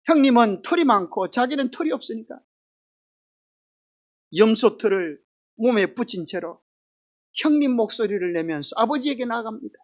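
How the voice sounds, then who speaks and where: Lively lady teaching sunday school kids, high voice, keeps asking questions. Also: moderate pace, pauses often. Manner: lively, asks children questions. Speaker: children's Sabbath school teacher. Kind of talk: storytelling Bible lesson for children.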